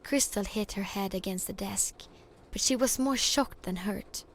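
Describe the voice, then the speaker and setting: A woman's voice: mid-range voice, measured pace, a little hiss or hum, lightly acted. A woman giving scripted storybook narration in a game.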